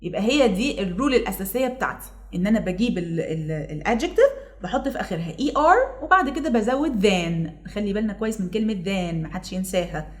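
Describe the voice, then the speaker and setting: Egyptian woman, English teacher, lively up-and-down pitch, slow drawn-out examples. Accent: Egyptian Arabic. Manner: keeps checking in with "okay?". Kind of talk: classroom lesson.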